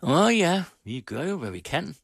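A man's voice: on the low side, big pitch swings, creaky, fairly bright tone, breathy edge, no echo, clean studio sound, exaggerated voice. A man voicing a bustling, eager schoolmaster husband in a radio reading of a novel. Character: fussy middle-aged schoolmaster husband.

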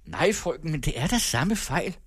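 A man's voice: fairly high pitch, very animated, a bit bright, slightly rough, voice pushed up, exaggerated voice. A man voicing a stubborn young girl who argues her case earnestly and insistently in a story reading. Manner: pleading yet insistent.

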